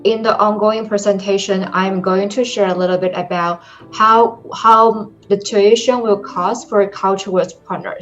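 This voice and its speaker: A young woman from China gives an online study-abroad presentation in careful English, with a Chinese accent and frequent ums. Her voice is mid-range, and the recording has its highs cut off.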